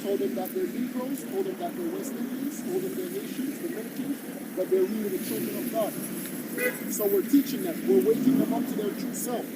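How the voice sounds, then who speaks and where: A man's voice: extremely high pitch, animated, brisk. A man from Jamaica preaching on the street, emphatic and confrontational, firing rhetorical questions. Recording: distant mic, clear street traffic noise.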